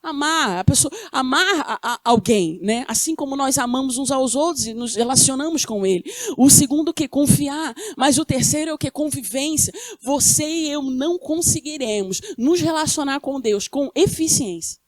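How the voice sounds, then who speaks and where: A woman from Rio de Janeiro, speaking Brazilian Portuguese with a Carioca accent, preaches a sermon, posing questions to the congregation and answering them herself. Her voice is high-pitched and animated at a normal speed. The recording is dry, with clean studio sound.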